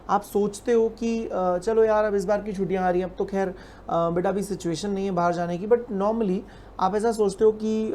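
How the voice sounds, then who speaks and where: A man's voice: sits high, a little mellow, slight background noise. A man teaching an online class in a casual, chatty way. He repeats points, calls students "beta" and explains with everyday examples.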